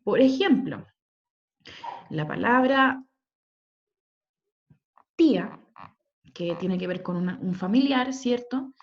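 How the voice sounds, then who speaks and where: A woman teacher walks her students through a recorded grammar lesson, patiently spelling out letters and syllables and checking that they follow. Her voice sits fairly high, and the recording sounds dull and lo-fi. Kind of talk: recorded online grammar lesson over slides.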